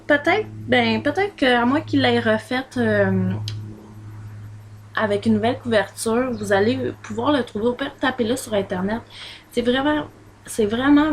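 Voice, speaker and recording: A woman's voice: a little high, a little hiss or hum. A woman with a Québécois accent, chatting casually in a home vlog and rambling with many fillers as she holds items up to the camera. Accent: Québécois French. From Quebec. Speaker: vlogger recommending books.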